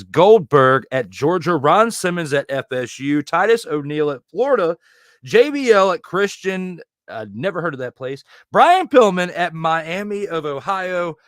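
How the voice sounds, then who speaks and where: A man hosting a casual football talk show, joking and rambling with quick asides. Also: a little high, no room sound, clean studio sound. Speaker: podcast host. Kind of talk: casual sports chat.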